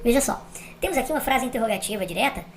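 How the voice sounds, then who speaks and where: Woman, step-by-step grammar lesson, high pitch, gravelly. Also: animated, racing, a little hiss or hum. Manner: explains step by step, asks "né?" and "vê?" to check the viewer follows. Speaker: teacher.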